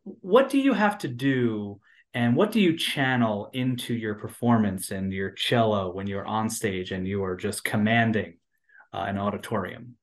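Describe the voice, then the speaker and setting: A man's voice: on the low side, moderate pace. A man interviewing a guest, asking loose, meandering questions while searching for words. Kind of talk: casual interview conversation.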